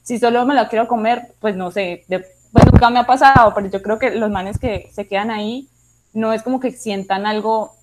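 A woman's voice: on the high side, moderate pace, very noisy. A young woman with a Colombian accent giving blunt opinions in casual chat. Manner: frank, blunt opinions with slang.

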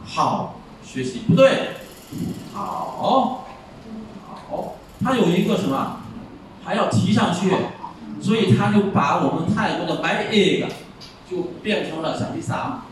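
A man's voice: high-pitched, expressive. Echoey distant male Chinese teacher. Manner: explains by slowly demonstrating tones. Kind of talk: classroom lecture. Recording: echoey room, far mic, faint noise.

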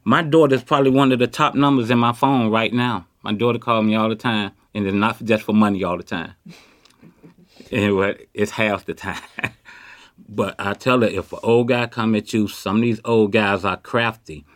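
A Chicago man in his fifties brags in street slang while being interviewed on a city street, speaking candidly into a handheld mic. His voice is on the low side, with a steady tone and normal speed. The sound is dry and clean, studio-like.

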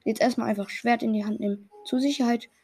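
A woman's voice: fairly high pitch, steady tone, fast talker, a little mellow, slight background noise. A young woman in casual gameplay chat, talking another player through a game in a reassuring, slangy way. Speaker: player coaching another gamer.

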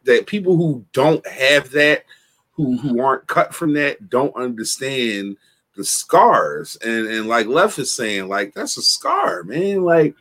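A man's voice: medium pitch, sing-song, slow pace, a bit bright. A man hosting a casual podcast chat, speaking earnestly and affirming the others.

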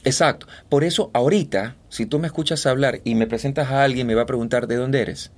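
A man's voice: medium pitch, quick pace. Voice actor guy from guayaquil, casual interview talk, slips into funny voices. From Ecuador, Guayaquil. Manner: animated storyteller, slips into imitated voices. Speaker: voice-over artist.

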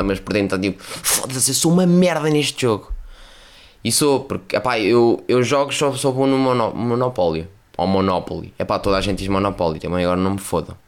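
A young man with a European Portuguese accent talks through his own podcast in a loose, rambling way. He swears often and drops into slang. His voice sits fairly low. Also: clear, resonant tone. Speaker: podcast host. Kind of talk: casual solo podcast chat.

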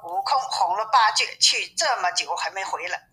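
A woman's voice: medium pitch, lively intonation, normal speed, pushed and bright, low-quality recording. A woman reading the lines of a compassionate male monk master in a storybook, earnest and pleading.

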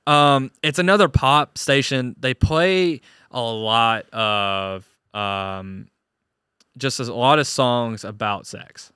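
A young man co-hosting a podcast, chatting casually in a rambling, energetic and jokey way. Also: medium pitch, takes it slowly, clean tone, no echo, clean studio sound. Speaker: podcast co-host. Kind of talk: casual chat.

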